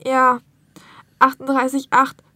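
A woman playing a sick, worried patient in a scripted language-learning dialogue, speaking plaintively but with clear articulation. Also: sits high, monotone, moderate pace, sharp tone, no room sound.

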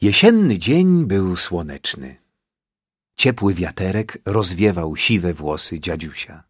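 A man reading a children's story aloud in an expressive, drawn-out way. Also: deep voice, husky, no room sound.

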